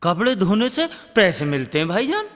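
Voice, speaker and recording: Lively high-voiced fool played by a man, naive and boastful, in a reverberant room with faint noise. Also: normal speed. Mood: joking. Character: bumbling jobless young man, boastful dreamer. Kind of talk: comedy sketch acting.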